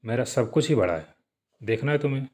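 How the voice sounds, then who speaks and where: A man's voice: medium pitch, lively intonation, a little fast, a little mellow, natural voice. A man voicing a cocky, rude male devil king who mocks and flirts. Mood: taunting.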